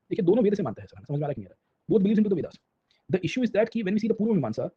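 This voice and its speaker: Male history lecturer, rapid husky delivery, code-switching, dull lo-fi recording. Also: sits high, warm tone. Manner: keeps checking in with the class with tag questions; mixes Hindi and English mid-sentence. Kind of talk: Hinglish classroom lecture.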